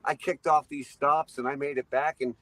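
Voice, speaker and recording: A man's voice: fairly high pitch, steady tone, normal speed, fairly bright tone, dry recording, poor audio. A man in his fifties, a truck driver guest, tells long rambling anecdotes, laughing often and acting out what people said. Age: 50s. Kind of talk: storytelling interview.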